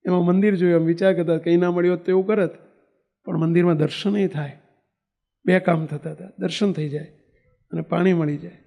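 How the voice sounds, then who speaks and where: Male monk, storytelling sermon, high gravelly voice, mellow tone, acts out quoted lines. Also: fairly even intonation, brisk. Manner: asks the audience questions, acts out quoted dialogue.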